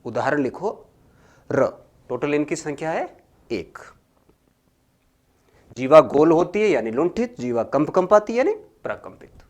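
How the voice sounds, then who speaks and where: Man, teacher, classroom lesson, slow dictation, repeated phrases, slightly high voice. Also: very animated. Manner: swings between loud explaining and quiet dictating.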